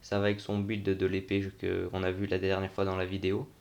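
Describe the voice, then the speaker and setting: A young man with a very flat, monotone delivery and plenty of vocal fry. He talks through a game tour off the cuff, in slangy everyday speech, thinking aloud as he goes. His voice sits on the low side. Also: brisk. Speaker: gaming video host. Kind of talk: casual unscripted game tour commentary.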